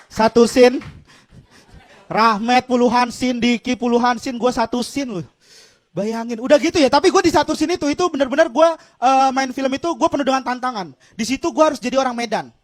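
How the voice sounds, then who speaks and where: A man's voice: very high voice, brisk. A man with a Jakarta Indonesian accent performing stand-up comedy as an escalating rant, exclaiming and acting out bits of dialogue.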